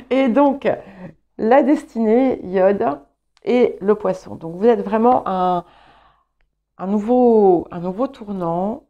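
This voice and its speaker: A woman whose first language is English, giving a calm, reflective tarot guidance reading with gentle encouragement. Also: mid-range voice, takes it slowly, pauses often, dull audio. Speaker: tarot reader.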